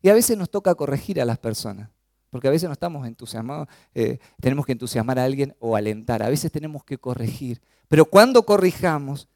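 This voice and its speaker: A man from Chaco with an Argentine accent preaching a sermon, swinging between emphatic raised peaks and low, quiet lines. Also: no echo, clean studio sound. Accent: Argentine Spanish. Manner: animated preaching, rising to emphatic peaks then dropping low.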